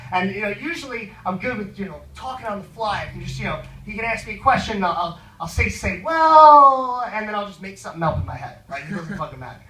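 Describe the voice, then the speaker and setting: Male stand-up storyteller, high voice, profane and rambling; distant mic in an echoey room. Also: expressive, fast, few pauses, pushed and bright. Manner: profane, rambling, full of fillers. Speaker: stand-up comedian.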